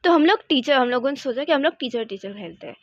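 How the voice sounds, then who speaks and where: Young woman, high voice, chatty storytime delivery, code-switching, dry lo-fi mic. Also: quick pace, dry recording. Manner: animated, code-mixing Hindi with English, frequent restarts. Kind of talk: casual storytime vlog. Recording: dry, slightly dull lo-fi mic.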